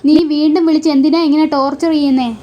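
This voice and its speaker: A woman's voice: high-pitched, steady tone, fast talker, dark tone, muffled recording, close to an everyday voice. A woman reading the part of a short-tempered young man who snaps curtly during a phone quarrel. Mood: irritated. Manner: curt, scolding.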